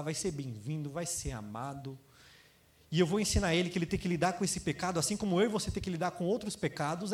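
A pastor with a high voice and a Brazilian Portuguese accent preaches a lively sermon. He acts out quoted voices and puts questions to his congregation.

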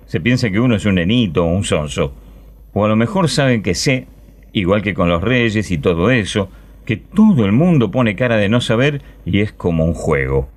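A man, a radio host reading a short story aloud and speaking wistfully and intimately as a child in the first person. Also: lowish voice. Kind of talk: expressive literary reading.

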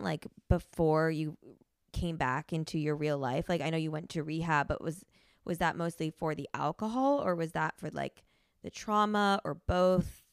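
Podcast host, woman, quiet and hesitant when asking questions; smooth voice, dry close mic. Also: fairly low pitch, no echo. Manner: soft, hesitant, sympathetic questioning. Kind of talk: interview questions.

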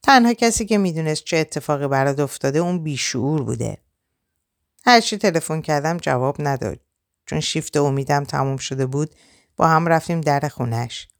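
A woman's voice: sits low, lively intonation, no echo, clean studio sound. A woman reading a novel in the first person with dramatic, emotional delivery. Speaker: audiobook narrator.

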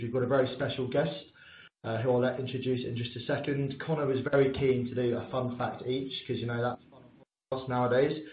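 A man's voice: mid-range voice, slight background noise. Enthusiastic male co-host, mid-range voice, heard over an echoey, phone-like line. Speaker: podcast co-host. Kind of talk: casual podcast chat.

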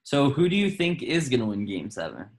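A young man co-hosting a casual sports chat, relaxed and hesitant, with lots of fillers and slang. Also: mid-range voice, a little fast. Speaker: co-host.

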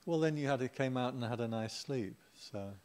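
A middle-aged man delivering an informal Dharma talk to a gathered audience. He speaks at an ordinary, mid-range pitch in an easygoing, conversational way, and slips in playful, joking asides as he goes. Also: moderate pace, a little mellow. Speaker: Buddhist Dharma teacher.

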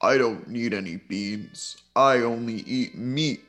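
A man's voice: medium pitch, slow, a bit bright, soft background music. A man voicing a massive lion spirit in a tabletop game, a boastful, defensive forest king with a resounding, emphatic delivery. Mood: grudging.

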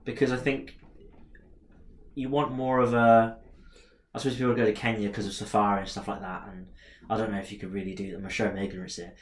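A man's voice: fairly low pitch, little pitch movement, fast, pauses often. A man chatting casually on a podcast, hesitant and rambling, with lots of restarts. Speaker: co-host. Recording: roomy echo.

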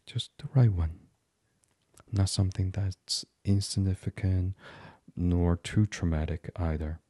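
A man's voice: deep voice, fairly even intonation, no echo, clean studio sound. A man leading a guided meditation in a soothing voice that often drops to a whisper. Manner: slow, soft and soothing, drifting into whispers.

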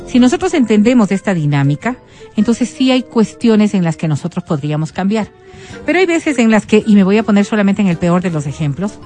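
A woman on a talk show explaining step by step in a measured way. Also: medium pitch, a little mellow.

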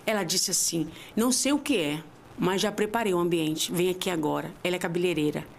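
A woman telling her personal faith story as a podcast guest, heartfelt and sometimes tearful, dropping to near whispers and then rising to high, emphatic cries. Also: a little fast, gravelly, slight background noise. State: tearful at times. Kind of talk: emotional faith testimony.

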